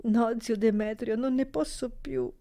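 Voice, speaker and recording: A desperate young girl cries and begs in a high, breaking voice, as a woman reading a storybook takes her part. Her pleas come out through sobs. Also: steady tone, normal speed, vocal fry, darkish tone. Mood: pleading. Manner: sobbing pleas.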